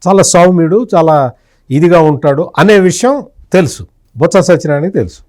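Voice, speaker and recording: A man's voice: on the high side, expressive, normal speed, a little mellow. A middle-aged man, a senior journalist, giving political commentary with fiery rhetorical questions.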